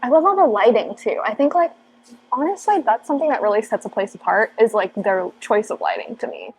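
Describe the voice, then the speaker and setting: A woman's voice: on the high side, lively intonation, a little fast, breathy edge. Bubbly young woman vlogger. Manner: bubbly, many fillers like "like" and "um". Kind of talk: casual chat. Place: cafe, indoors, on a couch.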